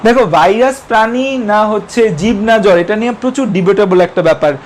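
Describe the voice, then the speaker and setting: Young male tutor, high-pitched, repetitive Q-and-A lecture style, faint noise floor. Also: quick pace. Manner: repetitive question-and-answer teaching, code-mixing English terms. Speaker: biology teacher. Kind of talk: online lecture.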